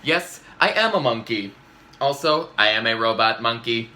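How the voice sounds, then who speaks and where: A man's voice: medium pitch, expressive, moderate pace, sharp tone, roomy sound, a little hiss or hum, pitched below the performer's own voice. A man voicing a silly, boastful robot monkey in an exaggerated, goofy storybook read-aloud. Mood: goofy, proud. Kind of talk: animated children's read-aloud.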